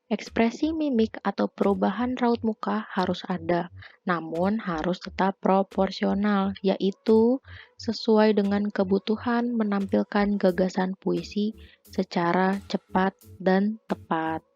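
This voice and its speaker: A young woman student presenting a lesson as a voice-over for slides, reading in a measured way that lists points one by one. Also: mid-range voice, a little mellow, muffled recording. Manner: measured, read-aloud listing. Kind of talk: scripted lesson narration.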